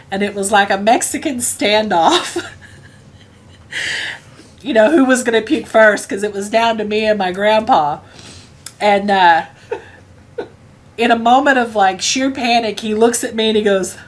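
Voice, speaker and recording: A woman telling a comic personal story, unhurried, chuckling as she goes, with lots of ums and uhs. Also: medium pitch.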